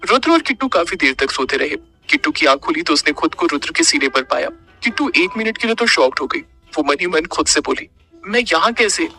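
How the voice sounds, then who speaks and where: Man narrating an audiobook, bright voice, a bit high, faint music. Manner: expressive storytelling.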